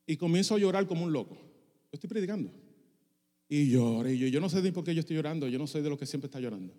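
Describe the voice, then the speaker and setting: A man's voice: a little high, animated, fast, mellow, in a large hall. A middle-aged male pastor preaching a passionate sermon, dropping English phrases into his Spanish. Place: church sanctuary.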